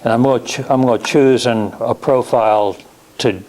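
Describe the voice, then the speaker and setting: A man giving a practical technical lecture as an instructor, explaining step by step in a halting way. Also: mid-range voice, a little mellow. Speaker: class instructor in CNC woodworking. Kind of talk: technical lecture with slides and software demo.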